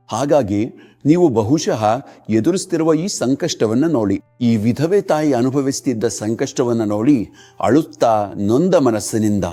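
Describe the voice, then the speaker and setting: A man's voice: mid-range voice, warm tone. A man delivering a dubbed sermon voice-over in an earnest preaching manner. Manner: earnest preaching, repeated commands.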